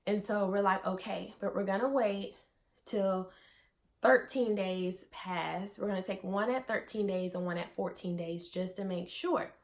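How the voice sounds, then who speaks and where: A woman's voice: mid-range voice, unhurried. A young adult woman vlogging, telling a personal story casually to the camera with lots of fillers and asides to viewers. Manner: chatty, many "like" fillers, addresses viewers as you guys.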